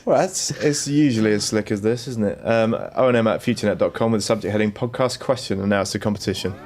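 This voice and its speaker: A man's voice: lowish voice, fast. A man hosting a magazine podcast in casual chat, dry and sarcastic, with many hesitations. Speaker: podcast host.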